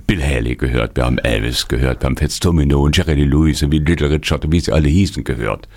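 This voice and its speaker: An older man from Thuringia with an extremely deep bass voice, recalling his life as a studio guest in a conversational way, often adding short tag questions. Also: quick pace, a little mellow. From Thuringia, Germany. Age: older, born in 1944. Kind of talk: conversational recollection. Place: radio or podcast studio.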